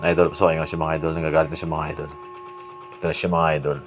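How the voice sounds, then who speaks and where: This vlogger has a bass voice that barely moves in pitch, with faint music playing behind him. Chatty and teasing at home, he repeats "guys" and "idol" often and draws his words out into playful sing-song calls.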